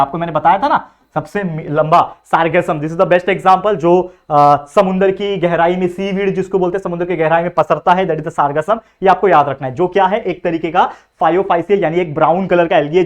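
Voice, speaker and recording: Young male tutor, brisk and high-pitched, lecturing and answering his own questions. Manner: asks rhetorical questions and answers them himself; mixes English terms into Hindi explanations. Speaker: biology tutor. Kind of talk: classroom lecture.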